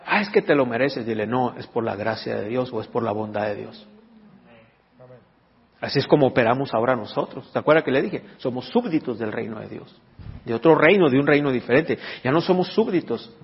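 A man's voice: mid-range voice, husky. A man preaching a sermon as a pastor, teaching and asking his congregation questions. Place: church hall. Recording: dull recording with long reverb.

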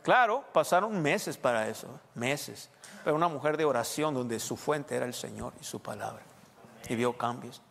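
A man's voice: mid-range voice, animated, normal speed, gravelly, a bit bright, in a large hall. A man from Sonora with a northern Mexican accent, preaching a storytelling sermon in a church, chatting with the congregation and tossing in tag questions.

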